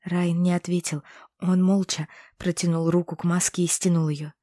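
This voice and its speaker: A woman narrating a first-person fantasy romance audiobook in an expressive, intimate way. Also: lowish voice, normal speed, dry recording, studio quality.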